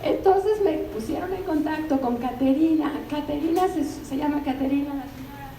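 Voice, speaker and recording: An older woman, a literary translator giving an animated, conversational talk and often turning to the audience with asides. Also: high-pitched, moderate pace. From Mexico. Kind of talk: anecdotal public talk. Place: bookstore event room. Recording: roomy, distant, faint ambient noise.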